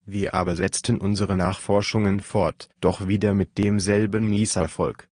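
A man with a very low voice reads an adventure audiobook in the first person. His storytelling is steady and even. The sound is dry and close. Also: dry recording. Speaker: audiobook narrator.

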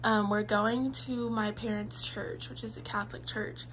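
A woman's voice: medium pitch, steady tone, a little slow, fairly bright tone, slight background noise. A young woman, chatting casually to camera in a vlog, upbeat and full of "like". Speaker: vlogger.

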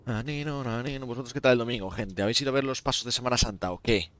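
A man's voice: medium pitch, fast, a bit bright, a little hiss or hum. A young man from Spain with a Spanish accent, streaming games live and chatting casually with viewers, sounding tired. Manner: chatty, addresses viewers as tío and gente. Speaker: game streamer.

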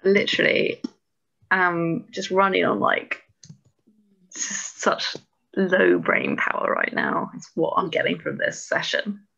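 A woman with a gravelly, crisp-edged voice sits a little low in pitch as she talks through code on a video call. She mutters to herself and pokes fun at herself. The audio is dull and lo-fi. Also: flat delivery, slow, bright, forceful tone. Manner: self-deprecating, thinks aloud, mutters to herself. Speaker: book club presenter. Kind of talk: casual live-coding walkthrough.

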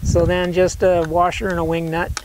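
A man's voice: high voice, completely flat delivery, normal speed, noisy background. Folksy older man explaining outdoors. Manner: rambling, self-correcting, folksy. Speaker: canoe builder showing his rig. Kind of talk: casual how-to demonstration. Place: outdoors on a lawn. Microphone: camera mic, sometimes far from camera.

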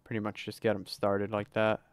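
A man's voice: fairly low pitch, monotone, brisk, no echo. A man livestreaming a cooking game, chatting casually as he plays, narrating his moves and reading chat aloud. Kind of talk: casual gameplay livestream commentary.

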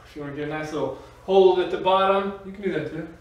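A man's voice: high voice, quick pace, muffled recording. A man working as an aerobics instructor, coaching a workout with motivational urging and short called-out cues while exercising. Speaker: fitness instructor. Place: small home gym with bare walls, indoors. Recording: echoey room, distant mic, faint noise.

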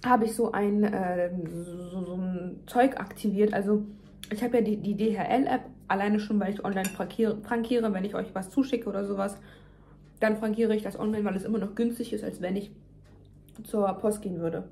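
A woman's voice: medium pitch, steady tone, normal speed, vocal fry, dark tone, slight background noise. A young woman venting emphatically in casual chat to her viewers, talking while chewing. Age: young adult. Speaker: vlogger. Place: home kitchen, indoors.

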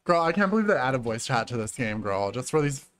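Very animated and brisk, with a slightly bright tone, a late-thirties male streamer gives casual commentary on his game. He's dramatic and sassy, addresses everyone as "girl," and alternates between muttering low and squealing high.

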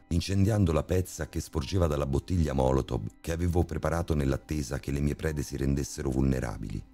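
A man narrating a first-person horror story in a steady, grim storytelling manner. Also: extremely low pitch. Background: faint background music.

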